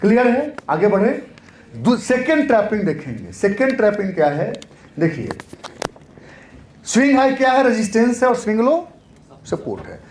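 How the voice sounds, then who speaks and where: A man's voice: sits high, darkish tone. A man teaching a trading lesson in a classroom style, repeating points and answering his own questions.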